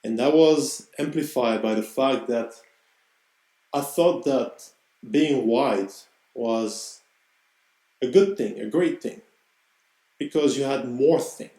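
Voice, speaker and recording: A man in his thirties from Cameroon speaks in an earnest, reflective podcast monologue. His voice is mellow and warm, and he pauses to search for words. The room around him sounds roomy and echoey. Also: medium pitch. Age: 30s. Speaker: podcast host.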